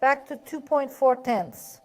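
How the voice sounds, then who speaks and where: A woman's voice: sits high, lively intonation, takes it slowly, faint music behind. A woman teaching a math lesson step by step, patient and methodical, often asking a question and then answering it herself.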